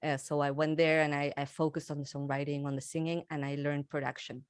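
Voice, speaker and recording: A woman's voice: sits low, flat delivery, brisk, clean tone, dry recording, clean studio sound. A woman from Argentina, a musician in her thirties, chatting in an interview and laughing often. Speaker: musician guest. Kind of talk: casual interview conversation.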